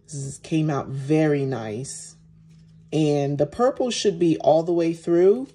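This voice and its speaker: Female maker-host, deep and soft-edged, talking casually through handiwork at an easy pace. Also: slow pace, breathy edge. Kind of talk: casual narration while demonstrating. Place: indoors at home, at a work table.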